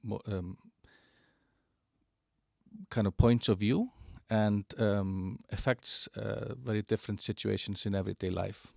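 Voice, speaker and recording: A man giving a halting walkthrough of an online platform, with many fillers and restarts. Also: fairly low pitch, fairly even intonation, creaky, darkish tone, dry recording, clean studio sound. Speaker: presenter of a digital platform. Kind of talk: screen-share product walkthrough.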